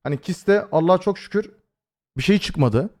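A man's voice: high-pitched, lively intonation, moderate pace, darkish tone. Young man streamer chatting with his viewers. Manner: swears freely and addresses chat directly; rambling storytelling with many fillers. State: voice has been hoarse lately. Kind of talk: casual livestream chat.

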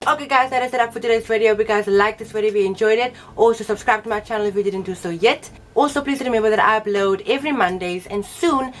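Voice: mid-range voice, fast, hardly any pauses, a little hiss or hum. A young adult hosting a reaction video with casual commentary. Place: dim indoor room.

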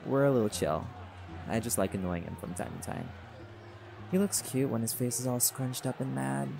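Party music plays behind this scripted roleplay monologue, where a man with a mid-range voice and vocal fry speaks at normal speed. He performs a relaxed, cocky male jaguar shifter, a pack alpha who teases with easygoing confidence.

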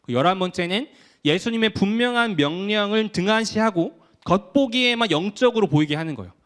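A man's voice: sits high, lively intonation, brisk, fairly bright tone. A young man preaching a casual youth sermon, talking conversationally and acting out what teens say. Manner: conversational, acts out quoted voices of teens. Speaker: youth pastor.

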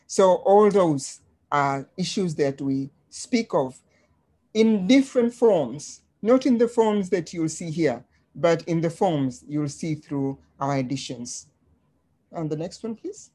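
A woman from Tanzania presenting slides on a webinar in a measured way, with frequent ums, over a video call. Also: low voice, expressive, mellow.

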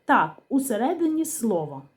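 A woman teaching a literacy lesson to young children, speaking slowly and articulating each sound clearly, asking questions and pausing for answers. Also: fairly high pitch, sing-song. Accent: Ukrainian. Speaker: primary school teacher.

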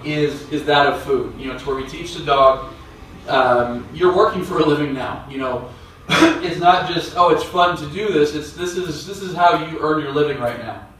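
Man teaching calmly in a very echoey room. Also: on the high side, a little hiss or hum. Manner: calm, explanatory, coaxing commands to a dog. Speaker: dog trainer. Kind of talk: instructional demonstration. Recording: very echoey room, distant mic.

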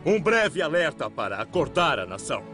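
A man's voice: fairly high pitch, big pitch swings, moderate pace, pushed and bright, soft background music. An actor dubbing a stern army general who rallies his troops in a film trailer, speaking in a commanding, grave manner. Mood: rousing.

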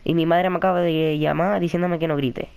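Jumpy Spaniard narrating a horror game. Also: male voice, on the high side, fairly quick, gravelly, clear, resonant tone. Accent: Spain Spanish. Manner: jumpy, excitable, yelps and shrieks when startled; chatty, talks to viewers and a friend in the room. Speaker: gaming commentator. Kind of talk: horror let's-play commentary.

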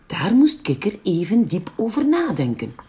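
A woman with a Flemish accent reading a picture book aloud for young children. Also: medium pitch. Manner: slow, very lively storytelling. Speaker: library storyteller.

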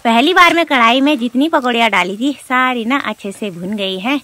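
A woman's voice: a little high, brisk, sharp tone, a little hiss or hum. Chatty young woman vlogging outdoors. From Uttarakhand, India. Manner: chatty, explains as she cooks and walks. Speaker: village vlogger. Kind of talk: casual vlog narration. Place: outdoors in a mountain village. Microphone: phone camera held at arm's length.

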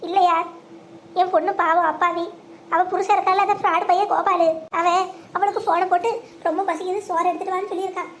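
A high-voiced performer voicing an older village mother who pleads and wails for her jailed daughter. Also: level tone, fast talker, a bit bright, slight background noise. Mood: pleading. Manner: wailing, pleading.

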